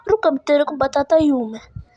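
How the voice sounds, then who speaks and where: A woman's voice: high voice, lively intonation, normal speed, warm tone, no echo, highs cut off. A woman voicing a grumpy male umbrella that scolds and threatens, in a casual vlog. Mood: grumbling threat.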